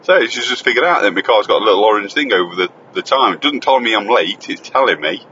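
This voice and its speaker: A man's voice: lowish voice, expressive, fast, sharp tone, muffled recording, slight background noise. A man chatting and joking as he hosts his own school-run recording from the car, teasing and bantering. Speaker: host and father on the school run. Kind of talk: casual chat while driving. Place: inside a car on the road. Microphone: phone voice recorder.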